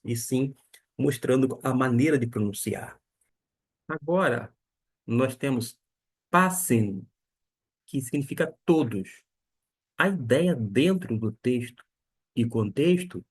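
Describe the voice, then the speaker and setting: A man teaching a beginner lesson on Koine Greek, slowly spelling out each pronunciation. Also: mid-range voice, breathy edge. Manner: slow and deliberate, spelling out pronunciations.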